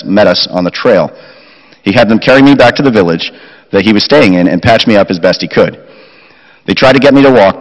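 Fast-reading man at a chapel lectern. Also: lowish voice, muffled recording. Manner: steady reading with quoted recollections. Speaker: chapel speaker. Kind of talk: reading a family war story aloud. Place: school chapel, indoors. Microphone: lectern mic. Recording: chapel reverb.

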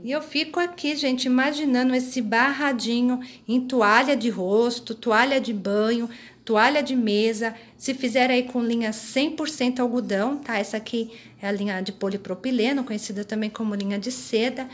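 Chatty woman crochet vlogger, fairly high voice. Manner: chatty, sprinkles tag questions and asides to viewers. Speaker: crochet channel host. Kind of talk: casual show-and-tell vlog. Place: small craft room indoors, later tabletop close-ups. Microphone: phone held in hand.

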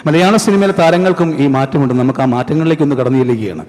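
A man's voice: fairly high pitch, fast, a little mellow. Man doing stage comedy patter. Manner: conversational, explaining to the audience. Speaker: mimicry artist. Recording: stage hall reverb.

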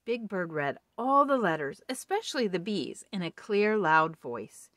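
A woman reading a children's storybook aloud with warm, expressive storytelling. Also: mid-range voice, a little slow, no echo, studio quality. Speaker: storybook reader.

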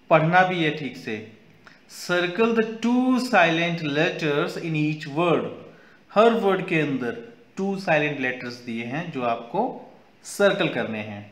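A man's voice: fairly high pitch, fairly bright tone. A man teaching spelling in an echoey room. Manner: spells words letter by letter, mixing Hindi and English. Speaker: English teacher. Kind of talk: classroom grammar lesson.

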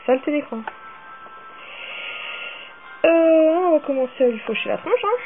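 A woman's voice: high voice, a little slow. A woman playing a video game and commenting casually, swearing and getting worked up as she goes. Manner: swearing, excitable, rambling. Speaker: game player. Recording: tinny phone-like sound with faint music.

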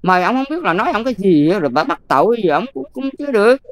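An older Buddhist nun with a Southern Vietnamese accent, talking casually and emphatically, often checking whether the listener follows. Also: female voice, mid-range voice, very animated, very fast. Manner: emphatic, keeps checking "see?". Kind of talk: casual advice talk.

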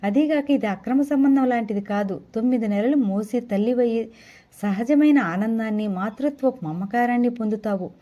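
A woman's voice: a little high, normal speed, mellow, close to an everyday voice. A woman reading the part of a kindly woman doctor who explains things patiently and reassuringly.

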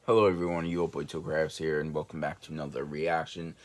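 A young man hosting a casual reaction vlog, talking in a halting, rambling way. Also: rumbling low, little pitch movement, over loud music. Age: young adult. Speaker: reaction video host. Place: small bedroom, indoors.

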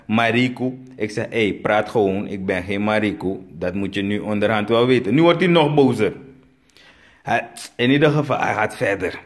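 A man from Suriname with a Surinamese Dutch accent, telling a comic story and acting out the dialogue, with sudden high bursts. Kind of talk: storytelling comedy.

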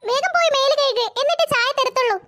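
A woman's voice: very high voice, fast, pushed and bright. A woman voicing a busy, scolding mother of three in a cartoon. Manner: scolding, bustling. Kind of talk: cartoon voice acting.

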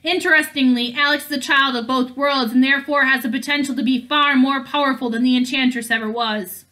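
Hissing, scornful old sea witch, a woman voicing, storybook reading, high voice. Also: fairly even intonation, brisk, sharp tone.

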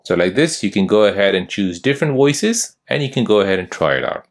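Low-voiced man explaining phone settings. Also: a little fast. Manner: steady step-by-step instructions. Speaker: tech tutorial host. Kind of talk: screen-recorded phone tutorial narration.

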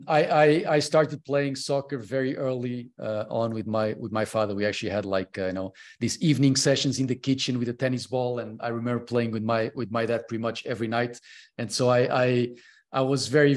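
This podcast guest is a consultant and mentor from Portugal in his early forties, joining a casual interview by video call from a room at home. His slightly mellow, mid-range voice comes out hesitantly, with many fillers and false starts.

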